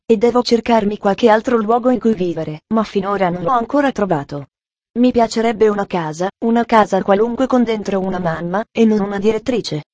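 A woman voicing a gruff, sullen ten-year-old orphan boy who mumbles curtly in a lowered voice, in a storybook reading. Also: a little mellow, no echo, dull audio, close to an everyday voice.

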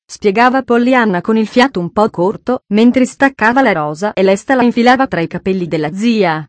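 A woman's voice: mid-range voice, no echo. Woman narrating a storybook, dry close sound. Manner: measured, expressive storytelling. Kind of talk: audiobook narration.

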